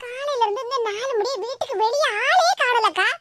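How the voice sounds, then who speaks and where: A woman with a Tirunelveli Tamil accent voicing a dramatic, aggrieved village housewife in a cartoon, with sped-up, high voice. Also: a little fast. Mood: gossiping. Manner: wailing, self-pitying complaints mixed with gossip. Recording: noisy with clicks.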